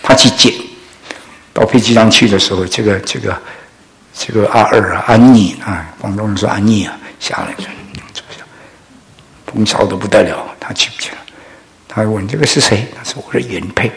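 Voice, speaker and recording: An older man, a pastor from Indonesia, preaching a sermon through lively anecdotes that swing between loud and soft. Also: lowish voice, moderate pace, gravelly, pauses often, rough recording. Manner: storytelling with laughs and acted quotes, swings loud and soft.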